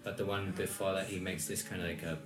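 Low-voiced relaxed podcast host, echoey room. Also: fast, over music. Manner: relaxed, conversational, lots of fillers. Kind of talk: casual chat.

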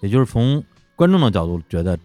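A man hosting a podcast, asking calm, measured questions in a casual interview. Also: lowish voice, no echo, soft background music. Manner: calm, measured questions, many short backchannels. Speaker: podcast host.

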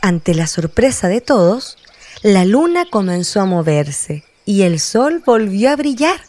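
A woman storyteller reading a children's tale in gentle scripted narration. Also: mid-range voice, very animated, a little slow.

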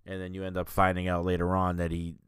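Deep-voiced man chatting casually about a film. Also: monotone, fast, smooth, no room sound. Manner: rambling, lots of fillers and restarts, says dude and you know what I mean. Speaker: podcast host reviewing films. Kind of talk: casual film review monologue.

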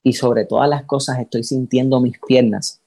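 A man with a dark, mellow voice telling his life story in an interview. He speaks with feeling and acts out the people he quotes, often repeating words as he goes. The sound is dry and close. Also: medium pitch, steady tone, moderate pace, creaky, no room sound, rough recording. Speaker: pastor, interview guest. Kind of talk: emotional personal testimony.

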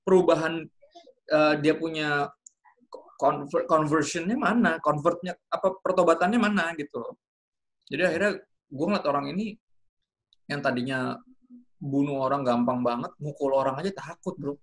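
A man's voice: on the high side, moderate pace, pauses often. A man in casual faith talk, telling stories in colloquial slang and acting out what people said. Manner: animated storyteller, acts out quotes.

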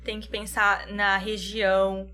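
Young woman, calm, explains stuff in a relaxed chat. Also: mid-range voice, takes it slowly, faint music behind. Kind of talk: casual chat.

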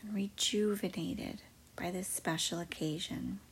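A woman leads a guided meditation in a hushed, largely whispered voice. Her delivery is unhurried, and her tone carries a husky, gravelly edge. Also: on the low side, steady tone. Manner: soft, slow, mostly whispered.

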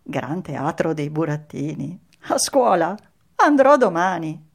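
A woman voicing a cheeky wooden puppet boy in a storybook reading, talking in an excited, bouncy way. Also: medium pitch, measured pace, pitched above the performer's own voice. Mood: tempted.

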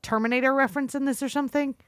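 A woman's voice: high-pitched, fairly even intonation, racing, dry recording. A woman co-hosting a podcast, chiming in with dry, teasing, sarcastic asides. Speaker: podcast co-host. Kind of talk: casual chat.

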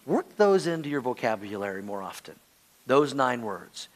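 A man's voice: mid-range voice, sing-song, moderate pace. A middle-aged man preaching a sermon as pastor, emphatic and repetitive, calling out to the congregation.

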